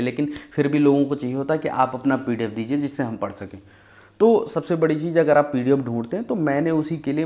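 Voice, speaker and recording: A history teacher with a medium-pitched, darkish voice gives a conversational exam-prep lesson, telling history as stories and often checking in with "ठीक है".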